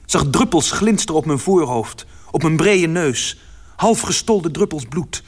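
A man reading a first-person literary story aloud as narrator, with dramatic delivery that swells in its louder passages. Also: on the high side, expressive, a little slow, husky.

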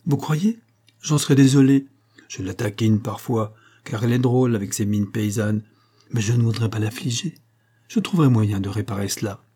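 A man's voice: lowish voice, normal speed, dark tone, breathy edge. A man reading the part of a teasing, sly middle-aged master of the house, in a jovial mocking tone.

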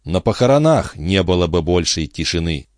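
Low steady guy reading an audiobook, dry close sound. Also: normal speed, no echo. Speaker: narrator. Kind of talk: audiobook narration.

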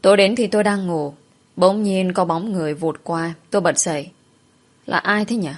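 A woman's voice: on the low side, fairly quick, darkish tone. A woman narrating a first-person story, dramatically voicing the heroine's fears.

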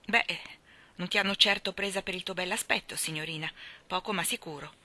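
A woman's voice: on the low side, a little slow, sharp tone, full character voice. A woman reading aloud, voicing a blunt, nosy older neighbor who speaks in a scornful manner.

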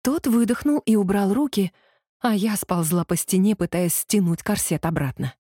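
A woman narrating a first-person story as an audiobook reader, with a lively, sharp-tongued delivery. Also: mid-range voice, moderate pace, husky, no room sound, studio quality.

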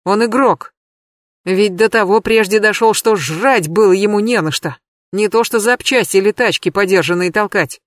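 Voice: mid-range voice, moderate pace, no echo, clean studio sound, close to an everyday voice. A reader voicing a cornered foul-mouthed male crook. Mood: defensive. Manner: crude, aggrieved, swearing. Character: bitter cornered male criminal, middle-aged, foul-mouthed. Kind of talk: audiobook character reading.

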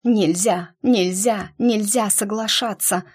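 A woman's voice: mid-range voice, slow pace, breathy edge, no room sound, clean studio sound, pitched above the performer's own voice. A woman voicing the frantic spirit of a dead woman speaking through a medium, with urgent, shrieking warnings.

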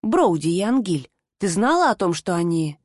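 Casting: a woman doing a quiet, hesitant young heroine in an audiobook, dry close sound. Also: lowish voice, very animated, moderate pace, dry recording. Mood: unsure. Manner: soft-spoken, hesitant. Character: timid young woman student, the first-person heroine. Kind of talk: audiobook character voice.

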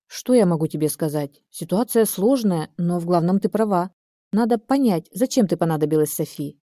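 A woman reading the part of a calm, helpful German man in an audiobook, steady and reassuring. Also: fairly low pitch, moderate pace, no echo, clean studio sound, lightly acted.

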